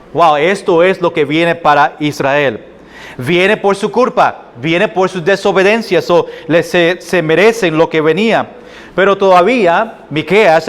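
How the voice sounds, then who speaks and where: A man with a Puerto Rican accent preaching a sermon as pastor, halting often with fillers and restarts. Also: high-pitched. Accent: Puerto Rican Spanish. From Puerto Rico. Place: church sanctuary.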